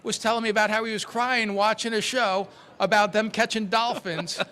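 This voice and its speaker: A man telling stories as a podcast guest, with a bright, slightly high voice. He talks in an animated way and laughs into his anecdotes. It is a casual chat. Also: moderate pace. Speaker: guest instructor.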